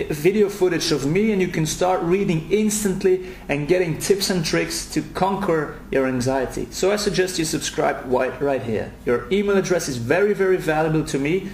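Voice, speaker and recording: A Belgian man in his late twenties with a Belgian accent hosts a website and earnestly records a video message for it, often repeating words as he begins sentences. His voice is fairly high with a darkish tone, heard in a roomy space with slight background noise.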